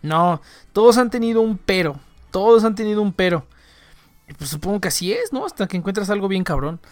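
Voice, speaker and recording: A woman with a Mexican accent hosts a live stream and chats freely to her viewers. Her talk rambles, full of local slang and casual cursing. Her voice sits at an ordinary middle pitch. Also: lively intonation, fairly quick, darkish tone. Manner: rambling, slangy and profane, talking to chat viewers. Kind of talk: casual chat.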